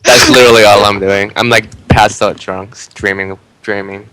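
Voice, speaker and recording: Laid-back low-voiced man at a game table. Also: steady tone, moderate pace, heavy background noise. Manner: laid-back, describing actions with likes and restarts. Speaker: player.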